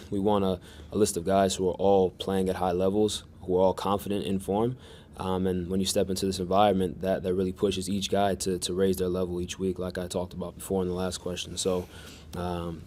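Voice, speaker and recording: A man answering questions at a press conference in a monotone, measured way with many restarts. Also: deep voice, a little hiss or hum. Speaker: soccer defender at press conference.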